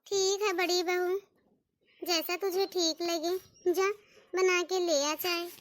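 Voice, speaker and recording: A woman's voice: very high voice, little pitch movement, slow, a little hiss or hum. A woman voicing a stern but fair mother-in-law in a cartoon, scolding and giving orders. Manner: scolding, commanding, calls daughters-in-law "bahu". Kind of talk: cartoon voice acting.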